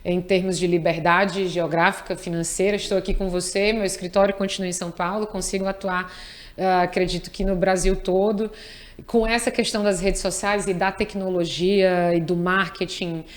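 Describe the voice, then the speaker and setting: A tax lawyer from Piauí, Brazil, speaks earnestly in a conversational interview, repeating key words for emphasis. Her lowish voice holds a steady tone at a moderate pace.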